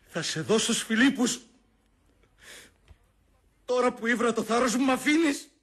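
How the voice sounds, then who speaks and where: An actor playing Brutus, a troubled and commanding Roman general, in a theatrical radio drama, swinging between hushed talk and shouts. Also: male voice, medium pitch, expressive, breathy edge. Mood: alarmed. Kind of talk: classic radio drama acting.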